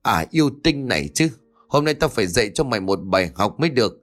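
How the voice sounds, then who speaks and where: A man's voice: medium pitch, lively intonation, a little fast, soft background music, lightly acted. A man voicing a fierce older mother-in-law who scolds harshly, in a spoken ghost story. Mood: furious scolding.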